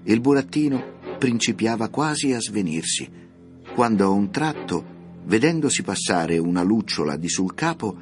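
A man narrating a classic children's story for radio, reading in a measured, expressive way. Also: lowish voice, soft background music.

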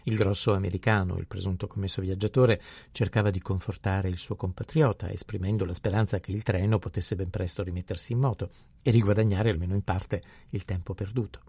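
A man narrating an audiobook in a measured, even storytelling manner. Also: deep voice, gravelly, breathy edge, dry recording.

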